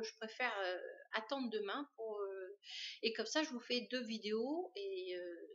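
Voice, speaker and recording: A woman's voice: a little high, fairly bright tone. A woman hosting a knitting podcast, showing her projects in a chatty, hesitant way with many fillers. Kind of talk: casual show-and-tell chat. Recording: dull lo-fi sound.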